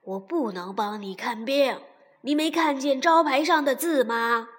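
A woman's voice: on the high side, animated, unhurried. A woman playing a firm little mouse dentist. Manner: firm, shouting orders. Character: small brisk male mouse dentist. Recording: long reverb.

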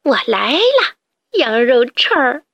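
A woman's voice: sits high, very animated, takes it slowly, gravelly, fairly bright tone, no echo, highs cut off, heavily acted. A woman doing a greedy, gleeful rat. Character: greedy gluttonous male rat.

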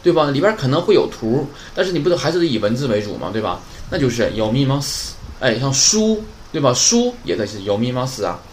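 Lively man teaching a language lesson. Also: mid-range voice, quick pace, few pauses, slight background noise. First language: Chinese. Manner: explains in Chinese, quoting Japanese words and sentences; keeps checking with "对吧" and "哎". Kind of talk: classroom grammar lesson.

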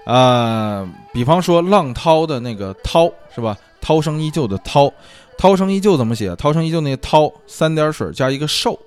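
A man's voice: fairly high pitch, animated, normal speed, darkish tone, smooth, faint music behind. A man hosting a casual solo talk show, musing aloud in a chatty way with many fillers. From China. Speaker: podcast host. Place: lives abroad.

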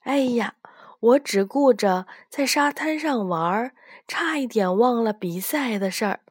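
A woman's voice: a little high, expressive, unhurried, breathy edge, dry recording, studio quality. A woman voicing a playful, careless dog in a storybook, cheerful and breathless.

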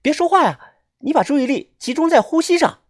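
A woman's voice: sits high, lively intonation, a little fast, dry recording, studio quality, pitched above the performer's own voice. A storyteller voicing a young woman doctor in her twenties who speaks in an urgent, commanding way. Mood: instructive.

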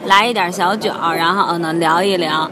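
A woman's voice: on the low side, normal speed, a crowd in the background. A young woman with a Beijing accent, chatting casually as a co-host, her speech slightly thick-tongued and lisping from wearing braces. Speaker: podcast co-host. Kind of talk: casual chat.

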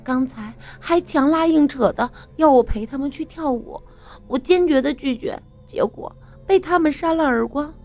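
A woman voicing a frightened, tearful young woman in a spoken story, with a pleading, hushed manner. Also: lowish voice, a little slow, few pauses, natural voice. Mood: tearful complaint.

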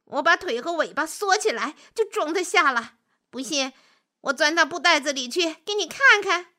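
A woman's voice: high-pitched, lively intonation, normal speed, pushed and bright, voice pushed up. Woman playing a sly brazen wolf. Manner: mocking, pushy.

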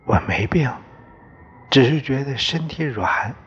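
A man voicing a tired, gentle rural wife in a soft, hushed way. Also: medium pitch, lively intonation, measured pace, breathy edge, highs cut off.

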